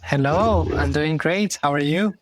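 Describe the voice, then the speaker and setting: A Moroccan man in his thirties, speaking with a Moroccan accent, is a guest in a casual interview, thoughtfully talking through his story with lots of fillers and restarts. His voice is on the high side and unhurried.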